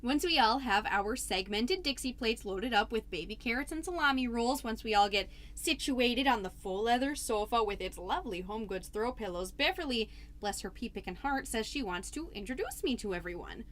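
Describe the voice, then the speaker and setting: In a fairly high, animated and slightly bright voice, a woman plays a folksy, rambling suburban PTA mom hosting a podcast with an over-polite, theatrical comedy monologue. She's chatty and polite, interrupting herself and stretching phrases out dramatically.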